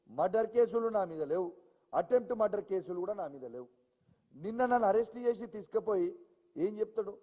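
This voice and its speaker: A man speaking at a press conference as an opposition politician, heated and accusing, firing off repeated rhetorical questions. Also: sits high. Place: press hall. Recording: dull audio with long hall reverb.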